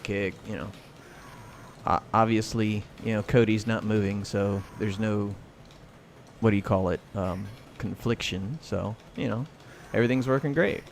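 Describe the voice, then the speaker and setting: An American man hosting a livestream, chatting casually and commenting while he plays. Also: fairly low pitch. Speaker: livestream host and gamer. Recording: clear noise, game sounds behind. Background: video game sound and clacking arcade buttons.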